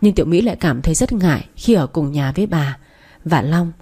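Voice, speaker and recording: A woman narrating a story in a calm, steady audiobook style. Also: sits low, a little fast, slightly rough.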